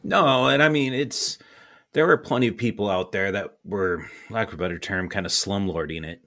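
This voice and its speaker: Lowish guy venting in a casual chat, blunt, fed up, swears a bit. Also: moderate pace, a bit bright. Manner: blunt, exasperated ranting with profanity.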